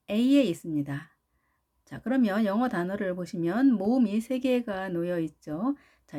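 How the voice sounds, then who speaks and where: A woman with a Korean accent and a medium-pitched, dark-toned voice gives a careful pronunciation lesson. She sounds out words syllable by syllable, drawing each one out.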